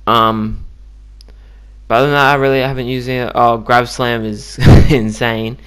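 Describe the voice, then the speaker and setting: Man, gaming youtuber, casual commentary, chatty and loose, smooth resonant voice. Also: mid-range voice, level tone, a little slow, a bit bright. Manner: chatty, loose, many ums and likes.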